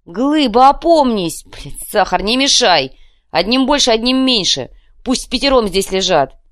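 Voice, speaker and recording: A woman's voice: fairly low pitch, normal speed, a little mellow, long reverb tail, natural voice. A woman reading an audiobook, voicing a brutal, contemptuous man who sneers and snarls. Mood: snarling rage. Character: brutal mocking male digger, menacing and contemptuous. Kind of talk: audiobook character voice.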